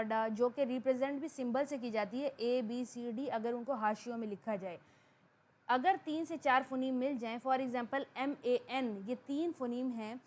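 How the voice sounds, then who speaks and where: A woman teaching a lecture, who slows down to spell out definitions in English. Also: high-pitched. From Pakistan. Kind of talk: explanatory lecture.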